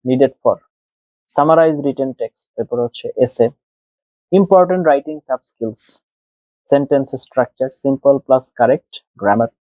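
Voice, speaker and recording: A man with a Bangladeshi accent teaches exam skills, putting a question and then answering it himself. His voice is mellow and a little dark. It is recorded close and dry on a dull, lo-fi mic. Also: mid-range voice, no room sound. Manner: explains step by step, asks and answers his own questions. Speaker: exam tutor. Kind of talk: screen-share lesson mixing Bengali and English.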